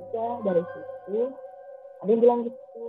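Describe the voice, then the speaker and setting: Animated woman telling a ghost story. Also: a little high, normal speed. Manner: animated, acts out voices in her story. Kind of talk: casual storytelling. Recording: tinny phone-like sound with faint music.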